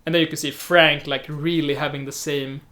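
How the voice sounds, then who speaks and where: A young man co-hosting a casual film chat as a film student, talking in a chatty, animated way and mimicking how others speak. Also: fairly high pitch. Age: young adult. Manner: chatty, animated, quick to imitate others' speech. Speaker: podcast co-host, film student.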